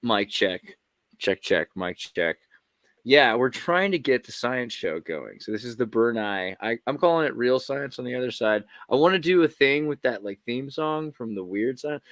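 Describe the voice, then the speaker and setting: A man's voice: mid-range voice, lively intonation, moderate pace, a bit bright, dry recording. A man hosting a casual livestream, chatting loosely and joking as he checks his new setup. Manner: loose, rambling, jokey. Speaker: livestream host.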